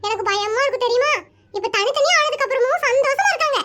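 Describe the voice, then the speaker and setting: A performer voicing a cheerful, chatty little girl with a giggly manner in an animated comedy cartoon. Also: very high voice, fast, exaggerated voice. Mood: chirpy.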